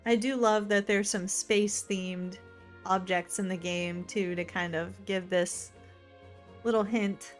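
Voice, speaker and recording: A woman streamer giving excitable, gushing let's-play commentary, full of "like" fillers. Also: medium pitch, unhurried, soft background music. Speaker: gaming streamer.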